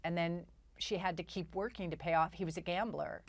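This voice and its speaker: A woman's voice: on the low side, steady tone, a little fast. A woman guest on a talk show, chatting enthusiastically about a stage show with many restarts. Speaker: guest performer. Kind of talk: casual interview chat.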